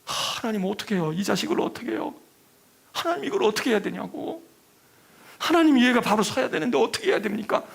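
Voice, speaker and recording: A man's voice: very high-pitched, very animated, brisk, vocal fry, husky, pitched above the performer's own voice, heavily acted. A man playing a desperate praying mother. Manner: pleading, desperate. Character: grieving mother praying over her son.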